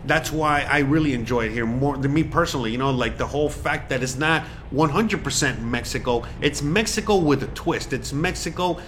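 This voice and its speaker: Man, 40s, from Miami, casual vlog talk, rambling, emphatic, fillers, mid pitch, faint background noise. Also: fairly quick, few pauses, fairly bright tone. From Miami, USA. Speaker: vlogger.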